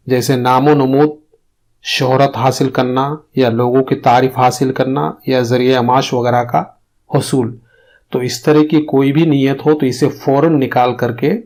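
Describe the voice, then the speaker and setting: A man in a steady, mid-pitched voice gives a Quran pronunciation lesson. He moves at a measured pace, stopping to sound out single letters and say them again so learners can copy him. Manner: patient, repeats letter sounds slowly for learners. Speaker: Tajweed teacher.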